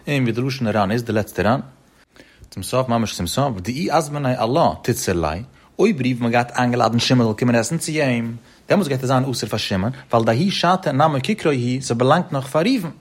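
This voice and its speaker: A man giving a Talmud study lecture in a sing-song study-hall intonation, rising and dropping in pitch as he works through the text. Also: lively intonation, brisk, slightly rough. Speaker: Talmud teacher.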